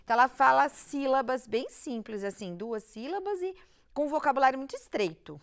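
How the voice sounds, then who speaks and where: A woman's voice: high voice, lively intonation, a little fast, clear, resonant tone. A woman with a Brazilian accent, a pediatrician guest patiently explaining child development step by step in a reassuring way. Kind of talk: explanatory interview talk.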